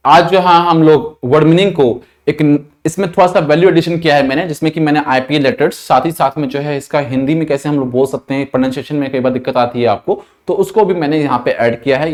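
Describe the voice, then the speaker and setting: A young Indian man teaching an online vocabulary lesson, explaining words and slowly repeating them to model pronunciation, often checking in with his students. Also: a little high. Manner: frequent check-ins like "thik hai".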